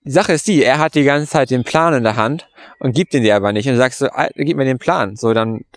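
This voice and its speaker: A man's voice: medium pitch, fast talker. A man hosting a podcast as a meditation coach, telling a story casually and in slangy words, with lots of fillers and restarts. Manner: rambling, heavy on fillers and restarts; colloquial, slangy.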